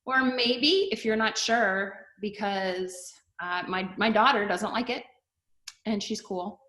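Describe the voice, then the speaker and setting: A middle-aged woman, a pastor and TV host born in Canada and raised in the US, chats casually with an online audience and asks them to type their answers. Her medium-pitched voice is slow, pushed, and bright, and the room gives it a noticeable echo.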